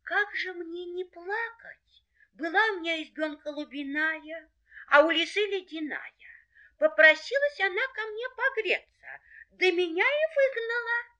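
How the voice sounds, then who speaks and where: A woman voicing a small, homeless hare boy who whimpers and cries in a high, tearful sing-song. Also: measured pace, bright, forceful tone, heavily acted. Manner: repeats his lament in a crying sing-song.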